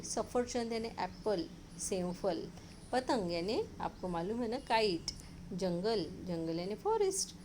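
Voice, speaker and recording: A woman teacher, patiently explaining a lesson to children and slowly sounding out syllables. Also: on the high side, a little mellow, slight background noise.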